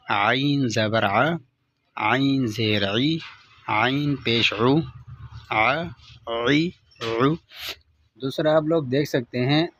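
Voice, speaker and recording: A man's voice: mid-range voice, a bit bright, no echo. Patient male teacher sounding out letters. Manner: slowly sounds out each letter and vowel in drills; patient step-by-step explaining. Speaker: Quran reading teacher. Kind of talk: online lesson.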